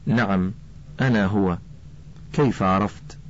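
A man's voice: fairly low pitch, fairly quick, gravelly, darkish tone, a little hiss or hum. A man voicing a curious ten-year-old boy who paints flowers, speaking eagerly and earnestly. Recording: dull lo-fi recording.

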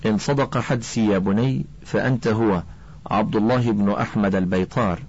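A man voicing an older male botanist scholar, speaking gently and slowly like a kind mentor. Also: on the low side, slightly rough. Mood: kindly. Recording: dull lo-fi recording.

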